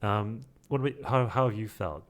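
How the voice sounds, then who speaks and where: Host, male, deep and fast, casual questions, steers the talk. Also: a bit bright. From Australia. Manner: quick, asks questions, steers the conversation. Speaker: podcast co-host. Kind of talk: casual tech chat.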